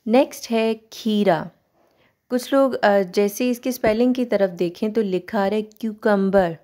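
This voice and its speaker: A woman teacher walks learners through English words, repeating each one slowly so they can follow along. Her voice is mellow and unhurried, pitched in an ordinary middle range. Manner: slow, repeats each word for learners to copy. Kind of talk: pronunciation lesson.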